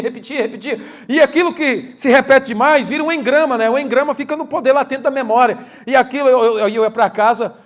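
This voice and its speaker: Fast, high-voiced pastor preaching. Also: male voice. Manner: slangy and animated, acts out voices of others. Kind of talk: sermon with storytelling.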